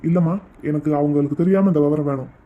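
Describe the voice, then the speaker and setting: A man's voice: a little high, fast, narrow, tinny audio, lightly acted. A man voicing a persistent middle-aged visitor who keeps pleading. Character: insistent middle-aged man pressing for information.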